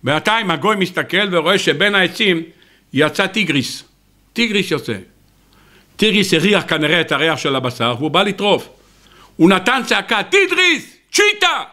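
A rabbi delivering a sermon, an animated storyteller who talks straight to his listeners. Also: high-pitched. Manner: animated storyteller, acts out the people in his stories; addresses the audience directly. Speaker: rabbi giving a weekly Torah talk.

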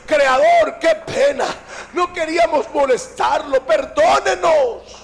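Man playing a humbled wind, pleading, exclaiming, very high, gravelly. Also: slow pace, full character voice. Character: the violent wind, humbled and apologetic.

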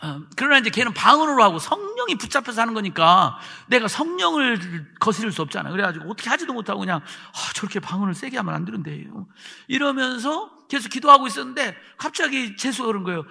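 A man preaching as a pastor, telling a story with acted-out voices, swinging from shouts to a near hush. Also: very high voice, big pitch swings, fast, vocal fry, few pauses. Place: church hall. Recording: hall reverb.

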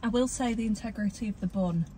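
A woman's voice: mid-range voice, quick pace, mellow. A woman chatting casually while chewing food in a parked car. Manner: chatty, mouth full of food. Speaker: mukbang host. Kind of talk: casual food-tasting chat. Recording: car interior with vehicle noise.

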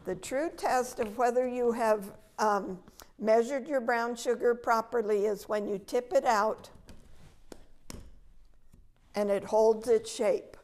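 A woman's voice: a little high, fairly even intonation, slow pace, darkish tone. An older woman giving a patient, step-by-step cooking demonstration in a large demo kitchen, filmed from a distance. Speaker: extension educator.

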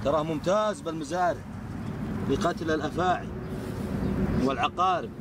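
A man's voice: on the high side, a little fast, heavy background noise. A man filming outdoors near a farm, chatting casually and teasing the animals he finds. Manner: playful, teasing, talks to the animal. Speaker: nature vlogger.

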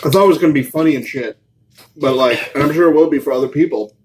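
A man's voice: a little high, fast talker. A man co-hosting a casual video, complaining dramatically and half laughing while in pain from a very hot chip. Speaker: co-host. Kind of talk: casual chat.

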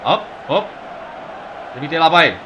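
A man commentating his own football video game match, yelling at his players and teasing them, hoarse from shouting. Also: a little high, animated, highs cut off, a faint crowd, slight background noise. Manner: yells at his players, rhymes and teases. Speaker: gameplay commentator.

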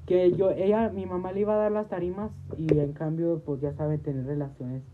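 A woman's voice: on the low side, level tone, normal speed. Rambling woman on a noisy phone stream. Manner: repetitive, restarts phrases, quotes herself often. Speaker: livestream host. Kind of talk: casual rambling storytelling to viewers. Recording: noisy tinny phone audio.

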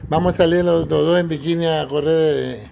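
Man host, gravelly, slightly high voice; teasing street interviewer; crowd chatter behind. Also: steady tone, normal speed. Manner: teasing, joking questions. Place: outdoors on a city street.

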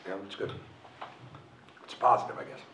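At a post-game press conference in a press room before a logo backdrop, a middle-aged basketball coach answers reporters frankly, often repeating and restarting phrases. He speaks at a normal speed with a bright, forceful tone. A table mic on a stand catches him from a distance in a roomy space, with a little hiss or hum.

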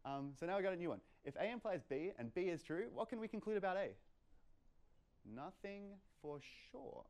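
A young man's high, expressive, slightly mellow voice moves at a moderate pace as he presents to a meetup in a medium-sized lecture room indoors. The informal live lecture includes audience questions, and he's playful and conversational, using lots of "like" and "kind of."

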